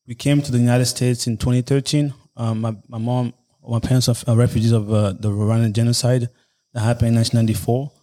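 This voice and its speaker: A young man in his early twenties, from Congo, answers as a podcast guest. His mellow voice stays flat in pitch, and he speaks hesitantly with frequent fillers. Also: fast. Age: 20s.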